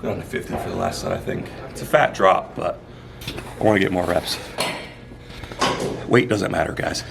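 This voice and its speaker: A young man talks between sets at the gym, swearing freely and cracking crude jokes. His voice sits very low. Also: wildly swooping pitch, normal speed, gravelly, long pauses, loud music behind the voice. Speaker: fitness vlogger. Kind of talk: casual gym chat.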